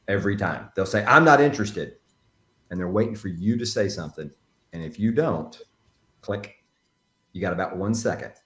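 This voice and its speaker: A man with a Southern Texas accent, a real estate agent talking casually and telling animated, folksy stories while coaching. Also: sits low, moderate pace, reverberant.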